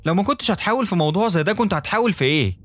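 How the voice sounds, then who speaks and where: A man's voice: lowish voice, very fast, soft background music, natural voice. A man voicing a young woman who confronts her former lover, speaking with an Egyptian accent and pleading, then heated reproach. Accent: Egyptian Arabic.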